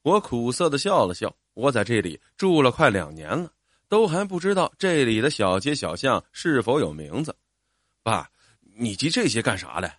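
Man reading a family story out loud, pitch moves a lot, dry close mic. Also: normal speed, dry recording. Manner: expressive, emotional reading. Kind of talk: scripted story narration.

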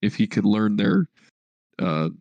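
Gravelly laid-back young man. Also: on the low side, sing-song, takes it slowly, darkish tone, no room sound, dull audio. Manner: laid-back, swears a lot, heavy filler words. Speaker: podcast co-host. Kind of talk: casual chat.

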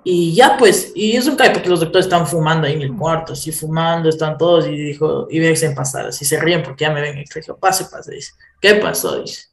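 A man's voice: a little high, fast talker, hardly any pauses, a little hiss or hum. A man with an Ecuadorian accent, telling stories in a casual chat and laughing as he goes. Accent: Ecuadorian Spanish. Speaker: guest. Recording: roomy echo.

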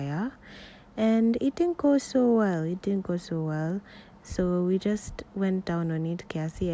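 A woman in her twenties with a Kenyan accent hosts a casual solo podcast. Her voice is soft-toned and mellow, sitting a little low. She talks in a candid, rambling, conversational way, recorded at home by a road with faint noise behind her. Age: 20s. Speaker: podcast host. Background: faint street noise, passing cars.

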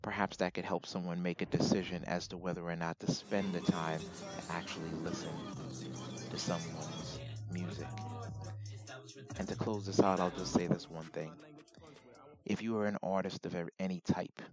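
A man with a raspy, gravelly voice giving informal solo commentary as a host, in a measured, reflective way with deliberate pauses. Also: low-pitched, little pitch movement, music in the background.

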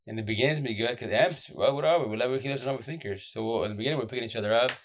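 A man with a deep, groggy, exhausted voice giving casual, blunt relationship advice off the cuff in slangy, repetitive phrases. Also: racing, a little hiss or hum. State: exhausted, short of sleep. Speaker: social media advice streamer.

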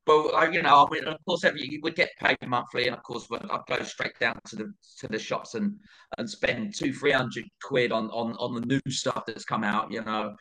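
A man's voice: mid-range voice, normal speed, pushed and bright, rough recording. A middle-aged man with an Essex accent, chatting casually as an interview guest, rambling and repeating his phrases as he goes. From Essex, England.

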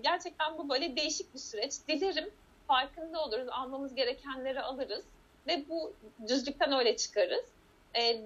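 A woman's voice: high-pitched, a bit bright. A woman in a casual conversation, talking in an earnest, reflective way as a guest. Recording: dull lo-fi sound.

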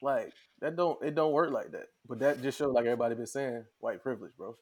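Chill guy talking slang with his friends, mid-pitched, easygoing. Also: fast. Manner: slangy, laid-back storytelling. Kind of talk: casual podcast chat.

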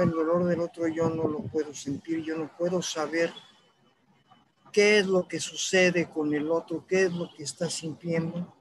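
A man with a Mexican accent speaking in a halting, reflective personal monologue, often ending his points with a questioning tag. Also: high voice, a little hiss or hum, rough recording. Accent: Mexican Spanish.

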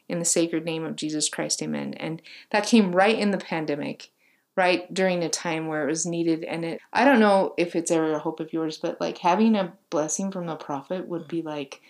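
Casting: female podcast host, fairly low voice, loose chatty delivery full of "like"s. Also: moderate pace. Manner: warm, gushing, filler-heavy with many "like"s. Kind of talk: casual faith podcast chat.

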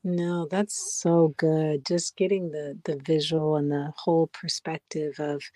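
A woman's voice: low-pitched, flat delivery, a little slow, mellow, dry recording. A woman podcast host asking reflective, affirming questions. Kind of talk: conversational interview.

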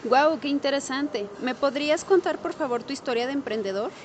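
A woman interviewing a guest, asking polite, deliberate questions. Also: high voice, a little hiss or hum.

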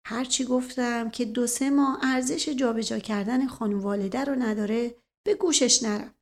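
A woman's voice: high voice, gravelly. A sly teasing prince, as a woman narrator voices him. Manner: teasing, soft and conspiratorial. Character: sly teasing middle-aged prince, playful joker.

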